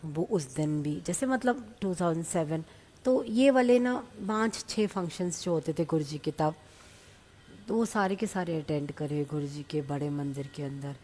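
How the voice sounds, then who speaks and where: A middle-aged woman telling devotional stories in a lively way, slipping into English phrases now and then. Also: deep voice, moderate pace, big-room sound, a little hiss or hum. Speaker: devotee sharing experiences. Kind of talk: satsang storytelling.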